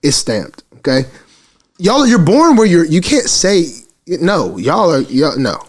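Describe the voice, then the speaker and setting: Lively high-voiced man. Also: takes it slowly. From Alabama. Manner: animated joking banter. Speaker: podcast co-host. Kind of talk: casual chat.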